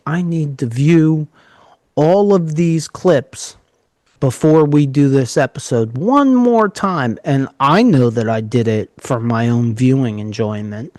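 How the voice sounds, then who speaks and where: A man with a New York area accent, co-hosting a casual podcast and telling stories in an animated, joking way. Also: mid-range voice, dry recording. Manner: animated storyteller, jokey. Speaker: podcast co-host.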